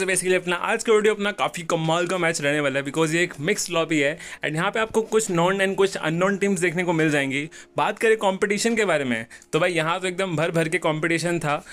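A man's voice: a little high, fairly bright tone. A man hosting a gaming video, talking casually and mixing English words into his Hindi. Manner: chatty, mixes English into Hindi. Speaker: gaming channel host. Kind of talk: casual video intro talk.

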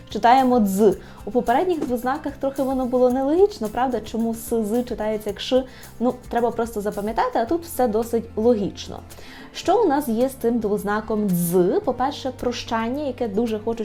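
A woman gives an online Polish lesson, her voice warm and mellow. She draws out each example word slowly and clearly so learners can repeat it. Soft music plays in the background. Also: a little high. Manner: clear, drawn-out repetition of example words. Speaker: Polish language teacher.

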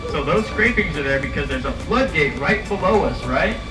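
A chatty man in his thirties gives a joking tour commentary on an open river boat, his fairly high voice coming through a speaker. It sounds roomy and a bit distant, with loud music behind. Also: lively intonation, moderate pace. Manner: chatty, jokey, addresses riders as friends.

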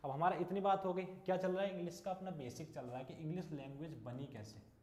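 A man teaching an English class who keeps asking his students questions and then answers them himself. His voice sits a little high, and the room around him is noticeably echoey. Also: fairly even intonation, quick pace, darkish tone. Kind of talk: classroom English lesson in Hindi.

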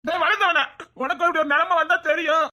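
Brief: man playing a whiny, stubborn jilted young man, Tirunelveli Tamil accent, very high voice. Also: fast talker, sharp tone, heavily acted. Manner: whiny, defensive. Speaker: comedy sketch actor. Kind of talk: comic sketch banter.

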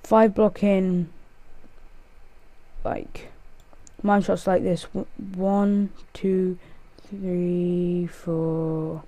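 A man's voice: high-pitched, little pitch movement, extremely slow, dark tone, dry recording. A male gaming host giving casual, rambling gameplay commentary, counting aloud and joking at himself as he plays. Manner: rambling, self-mocking, counts aloud while playing.

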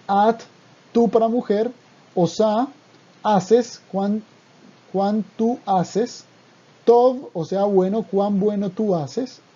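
A man talks through a language lesson at a patient, steady pace, explaining one by one and going back over each term. His voice is very dark and a little husky. The recording sounds dull and lo-fi. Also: high voice. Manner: patient, explains word by word, repeats terms. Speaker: Hebrew teacher.

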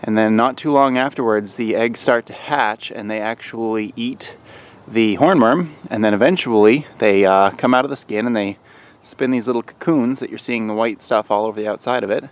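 A man casually filming a vlog outdoors in his garden, explaining things in a relaxed way, with hesitations and self-corrections. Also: mid-range voice. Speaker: gardening vlogger.

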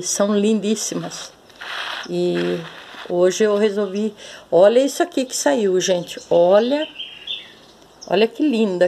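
A woman's voice: medium pitch, gravelly, darkish tone, slight background noise. A woman vlogging casually as she shows her plants, chatty and affectionate, often calling out to her viewers. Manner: chatty, keeps addressing viewers as "gente", fond exclamations. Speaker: orchid-growing vlogger. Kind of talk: casual show-and-tell vlog.

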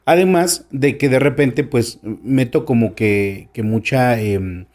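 Expressive Mexican man telling stories. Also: mid-range voice, slow. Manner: expressive storyteller, shifts tone and stresses words. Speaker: guest storyteller. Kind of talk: casual podcast conversation.

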